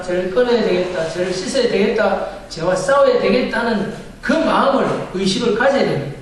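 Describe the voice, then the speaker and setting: Man, pastor, preaching, asks and answers his own questions, high pitch, distant mic. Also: slight background noise. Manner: asks the congregation questions and answers them himself. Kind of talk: sermon. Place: church sanctuary. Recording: echoey church hall from far off.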